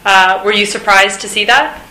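A woman's voice: mid-range voice, normal speed, pushed and bright, roomy sound, low-quality recording. A woman hosting an interview, speaking fluently and in a friendly way. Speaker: host, public engagement officer.

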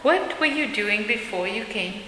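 Bright-voiced woman interviewer in an echoey room. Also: mid-range voice, expressive, moderate pace. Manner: chatty, echoes answers back as questions. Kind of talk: casual conversational interview. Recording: echoey room, faint hiss.

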